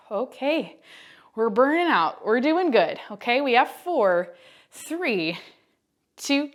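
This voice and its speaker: A woman's voice: on the high side, big pitch swings, slow, pauses often. A woman in her twenties teaching a home Pilates class, counting down reps with chatty, encouraging asides and a little out of breath. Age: 20s. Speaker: Pilates instructor. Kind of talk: workout class instruction. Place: indoors at home. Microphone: wearing a mic.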